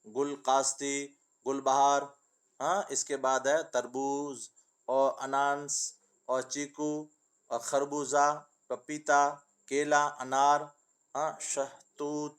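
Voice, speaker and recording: A man's voice: medium pitch, flat delivery, fairly bright tone, clean tone. Male teacher tinged speech, patient, sing-song, calls pupils "beta". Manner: addresses pupils as beta, asks and answers own questions. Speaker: Urdu teacher. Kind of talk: children's reading lesson.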